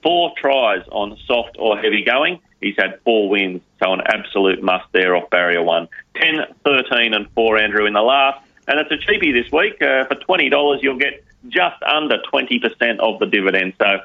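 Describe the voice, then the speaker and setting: On a podcast, a racing tipster hands out horse racing tips in punchy phrases packed with numbers and names. His voice is on the low side with lively intonation, at a normal speed with hardly any pauses, on slightly muffled, lo-fi audio.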